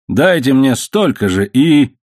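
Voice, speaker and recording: A man reading the part of a sly, good-natured ship captain who talks in a smooth, bargaining way. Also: medium pitch, very animated, slow pace, a little mellow, dry recording, clean studio sound, voice pushed up.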